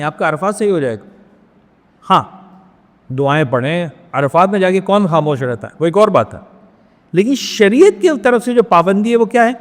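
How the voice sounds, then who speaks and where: Male cleric, high voice, methodical teaching lecture, reverberant hall. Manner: explains step by step, mixing English words, asks if points are clear. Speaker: Islamic scholar teaching a Hajj class. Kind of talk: religious training lecture.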